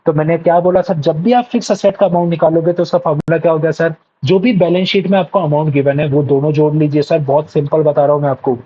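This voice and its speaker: A man's voice: on the high side, fairly even intonation, quick pace, few pauses, warm tone, muffled recording. Man teaching, answering his own checks. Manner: asks rhetorical checks and answers himself, "yes sir"; repeats key points, addresses students as sir. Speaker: accounts teacher. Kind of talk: exam revision lecture.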